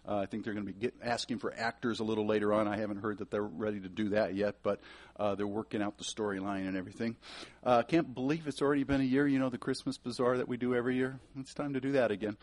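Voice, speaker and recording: A man's voice: on the low side, fairly even intonation, quick pace, a little mellow. A man giving casual church announcements in a sanctuary, rambling with many fillers.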